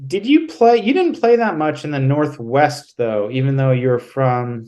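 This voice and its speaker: A man hosting a casual podcast interview, chatty and relaxed, chiming in with short reactions and questions. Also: medium pitch, measured pace. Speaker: podcast host, label owner.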